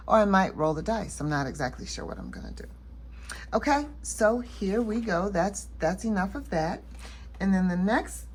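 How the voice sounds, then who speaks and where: A woman casually walking through her savings challenges in a planner vlog, relaxed and chatty with many fillers, tired and yawning late at night. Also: mid-range voice, slight background noise. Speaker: planner and budgeting vlogger. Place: at home at night.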